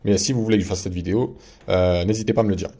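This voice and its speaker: A man's voice: fairly low pitch, fairly even intonation, racing, warm tone. A man giving a casual screen-share tutorial as a video host, talking in a chatty way with many fillers and restarts.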